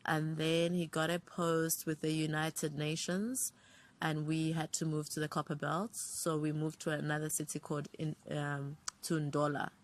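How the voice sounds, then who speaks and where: In a laid-back interview, a woman in her 30s from Zambia, who works as a writer and producer, looks back on growing up. She speaks reflectively at a normal pace with a low-sitting voice, listing many names in long runs.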